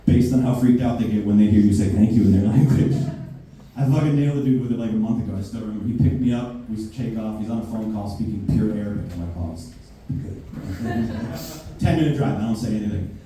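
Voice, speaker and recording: Brash, profane comic in an echoey basement. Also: male voice, fairly low pitch, fast talker, a crowd in the background. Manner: profane, brash, ranting delivery. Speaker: stand-up comedian. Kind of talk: stand-up comedy set. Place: basement club room with a live audience. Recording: very echoey basement, mic far off, faint hiss.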